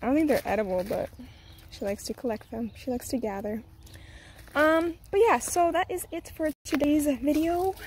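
A young woman talks casually into a camera mic outdoors in a garden, a little out of breath and flustered. Her voice sits a touch high, and a faint outdoor hiss stays under her chatter. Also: a little mellow. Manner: chatty, slightly flustered, switches to high sing-song when coaxing her toddler. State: a bit out of breath. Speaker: vlogger and mother. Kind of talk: casual outdoor vlog with tips.

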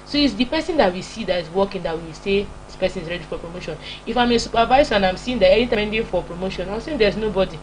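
Here a young Nigerian woman who preaches and hosts broadcasts rushes through an informal motivational sermon with barely a pause. Her mid-range voice is expressive and her Nigerian-accented delivery is emphatic, repetitive and scolding. The low-quality audio from a small home-style studio is marked by clear hum and background noise.

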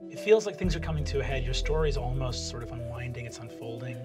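A man in his thirties running a tabletop game from a studio table as game master, playful, with hushed asides. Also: mid-range voice, fast talker, loud music behind the voice. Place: tabletop game studio with a large miniature set.

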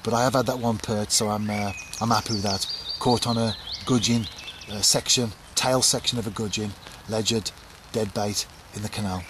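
A middle-aged man casually explaining his fishing to a handheld camcorder outdoors on a canal bank, relaxed and chatty with frequent ums. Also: on the low side, normal speed. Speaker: angler vlogger. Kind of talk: casual fishing vlog to camera. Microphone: camcorder at arm's length. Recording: outdoor camcorder with clear background noise.

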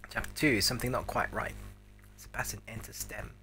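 A male game streamer in his thirties with a lowish, bright voice. He comments casually and wryly from a small room. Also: fairly even intonation, brisk, slight background noise. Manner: wry, muttered reactions. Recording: faint game ambience behind voice.

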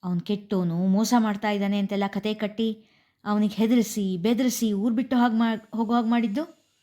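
A woman's voice: medium pitch, normal speed, natural voice. A woman voicing a bitter, resentful young wife in a spoken story. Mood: angry. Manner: sharp, resentful.

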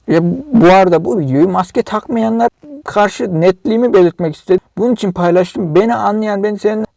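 High, gravelly man ranting angrily. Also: a little mellow, no echo. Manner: agitated, scolding, ranting. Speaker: vlogger. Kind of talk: angry monologue to camera.

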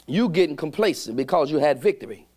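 Lively preaching man in a church. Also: a little high, husky. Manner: call-and-response preaching, drawn-out emphatic phrases. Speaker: pastor. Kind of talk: sermon. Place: church sanctuary with congregation.

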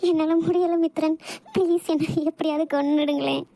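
Cartoon drama: a woman playing a frightened young wife, high and soft-toned, tearful and pleading. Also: steady tone, fairly quick, creaky, faint music behind. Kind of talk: amateur cartoon voice acting.

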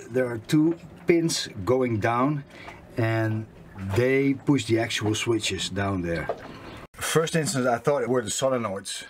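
A man in his fifties with a Dutch accent casually explains DIY repairs in halting non-native English, searching for words as if translating in his head. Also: medium pitch, a little hiss or hum. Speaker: sailing vlogger. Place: small boat cabin interior.

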